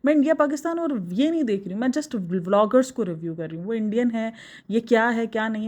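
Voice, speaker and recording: A woman from Pakistan makes a casual opinion vlog reviewing other vloggers, her voice medium-pitched and a little mellow. She argues emphatically and responds directly to her critics.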